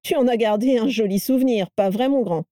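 A woman's voice: medium pitch, fairly quick, mellow, no room sound, lightly acted. A woman voicing a burly, blustering wizard who grumbles, sneers and panics easily, in a dry storybook reading. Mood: grumbling.

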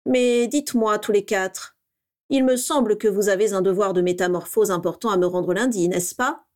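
A woman's voice: medium pitch, normal speed, a little mellow, close to an everyday voice. A woman doing a stern older professor. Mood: cool stern. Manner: cold, clipped reproach.

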